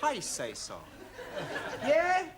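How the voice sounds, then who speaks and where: An actor playing a cocky, excitable student with an Italian accent and broken English in a sitcom. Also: male voice, very high voice, drawn-out words, exaggerated voice. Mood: bossy. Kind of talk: sitcom acting. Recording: old television soundtrack with faint noise and crowd.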